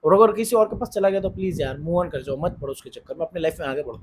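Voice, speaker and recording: A man talks fast and keeps going, giving relationship advice in an earnest, insistent way. He circles back over the same points again and again. His voice sits high, and there is a faint hiss of noise behind him. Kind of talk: casual advice monologue.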